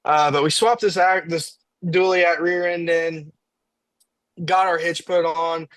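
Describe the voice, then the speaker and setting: A man's voice: on the high side, fairly even intonation, a little slow, a bit bright, no echo, low-quality recording. A young man from Indiana, a diesel truck racer on a podcast, telling a story in casual chat and acting out his own quotes.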